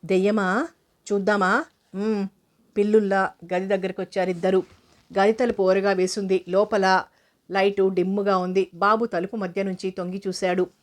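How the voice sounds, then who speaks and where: A woman narrating an audio novel in a steady, even storytelling manner. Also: mid-range voice, moderate pace.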